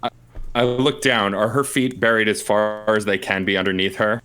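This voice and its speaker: A man playing a tabletop game, deliberately describing what his character does. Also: on the low side, flat delivery, fairly bright tone, clean tone. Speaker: player.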